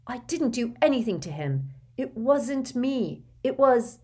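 A woman voicing a defiant teenage boy who answers sharp and defensive. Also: a little high, very animated, a little slow, breathy edge, pitched above the performer's own voice, exaggerated voice.

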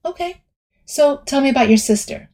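A woman voicing a gentle, probing female therapist who asks questions in a soft voice. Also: sits high, lively intonation, moderate pace, pitched above the performer's own voice.

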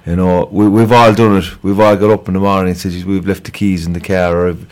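A man's voice: low voice, little pitch movement, brisk, darkish tone. A man with a Kerry accent from Ireland giving an informal police appeal as a radio guest, conversational and hesitant, often repeating words. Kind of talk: informal crime report interview on local radio.

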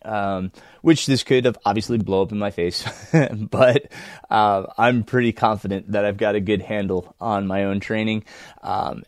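An American man with a croaky, froggy voice, congested from a cold, talking casually and unhurriedly as he hosts a solo podcast. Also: on the low side, dry recording, studio quality. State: under the weather, congested. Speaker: podcast host and running coach.

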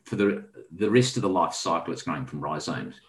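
Speaking low-pitched, animated, and fairly quick, an Australian guest relates a lengthy travel tale. The chat is casual, and his telling wanders, peppered with ums and restarts.

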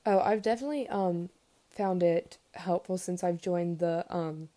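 Young woman guest, low mellow voice, giggly, fillers. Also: moderate pace. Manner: gushing, lots of fillers and giggles. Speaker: podcast guest. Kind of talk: casual podcast chat.

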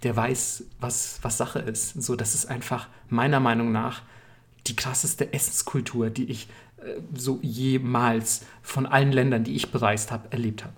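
A man's voice: medium pitch, flat delivery, a little slow. A young German man co-hosting a podcast, chatting casually and enthusiastically in slangy, rambling runs. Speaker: podcast co-host. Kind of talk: casual chat.

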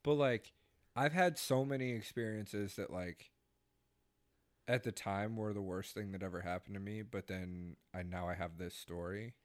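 A man's voice: on the low side, normal speed, no echo. A young man co-hosting a podcast, telling a crude bar story in casual chat and laughing often. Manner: crude, joking, laughs a lot. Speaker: podcast co-host. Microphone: studio podcast mic.

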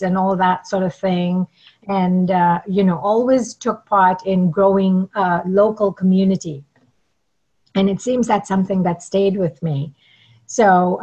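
A middle-aged woman from Trinidad and Tobago, a networking coach, tells her story in a conversational way as an interview guest. Her mid-range voice is slightly mellow, and the audio sounds dull.

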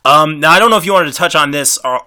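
A man's voice: a little high, quick pace, pushed and bright. A man hosting a podcast interview in casual, joking chat with hesitant, repeated phrasing. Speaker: podcast host.

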